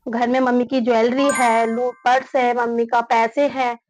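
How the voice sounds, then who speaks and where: A woman's voice: fairly high pitch, flat delivery, moderate pace, no echo. A woman being interviewed about her family, speaking earnestly and often repeating or restarting her phrases. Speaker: interviewee, daughter of the victim.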